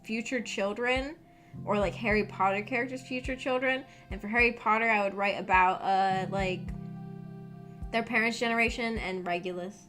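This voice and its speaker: Her pitch sits in the middle, her intonation stays fairly even, and her tone is a bit bright at a moderate pace. As host of a livestreamed visual novel book club, she rambles casually to her audience, sounding hesitant and self-deprecating, with music behind her.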